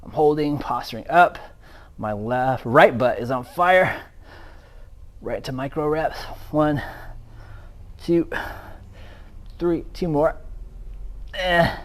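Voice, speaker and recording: A man's voice: on the high side, takes it slowly, long pauses. Breathless male fitness coach demonstrating exercises. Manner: energetic, explaining while exercising, gets louder during effort. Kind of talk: demonstrating a workout on camera.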